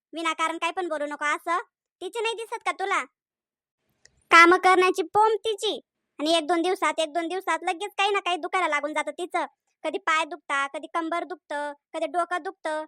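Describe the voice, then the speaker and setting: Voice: very high-pitched, sharp tone, no room sound, studio quality. A performer voicing a bossy older grandmother in a cartoon, scolding her son and mocking her daughter-in-law. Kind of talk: cartoon voice acting.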